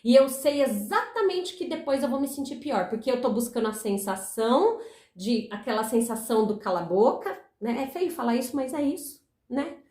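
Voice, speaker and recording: A woman giving an animated self-help talk to viewers, repeating phrases for emphasis and acting out inner voices. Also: sits high, normal speed, reverberant.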